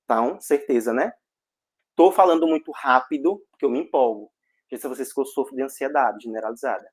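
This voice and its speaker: Male physics teacher, mid-pitched, slangy and high-energy with his class. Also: quick pace, breathy edge. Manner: energetic, slangy, jokey, checks in with students. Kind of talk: informal online class.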